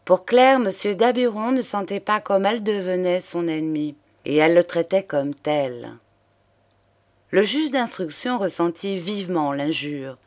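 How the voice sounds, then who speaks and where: A woman narrating a detective novel aloud in an expressive, steady way. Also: fairly low pitch, measured pace. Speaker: audiobook reader. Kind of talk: literary narration.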